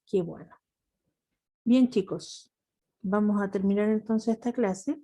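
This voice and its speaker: A woman's voice: medium pitch, takes it slowly, warm tone. A woman with a Chilean accent teaching a math class over a video call, patient and affectionate with her students. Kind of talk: online class lecture.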